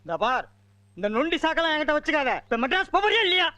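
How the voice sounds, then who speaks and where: An exasperated friend scolding quickly in a bright, crisp voice. The sound is dry and close. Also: male voice, very high voice, no echo. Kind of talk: film comedy dialogue.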